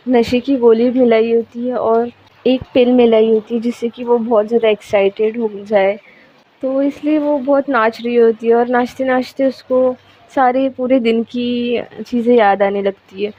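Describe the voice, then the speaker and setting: A woman narrating a romance story in a casual, chatty way, acting out the characters' lines. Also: fairly high pitch. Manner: retells scenes in a chatty way, acting out quoted lines. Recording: dull lo-fi recording.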